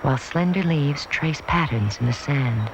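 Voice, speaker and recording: A man giving calm, measured, poetic scripted narration for a nature documentary, heard from a worn VHS tape copy. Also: mid-range voice. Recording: dull hissy worn videotape dub.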